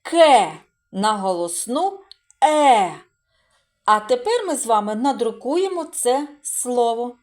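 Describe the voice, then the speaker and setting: A fairly high, very animated woman's voice leads a remote reading lesson for small children. She speaks slowly and stretches out every syllable as she sounds words out. Her tone is encouraging, and she praises the children often. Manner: slow, drawn-out sounding out of syllables. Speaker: preschool teacher.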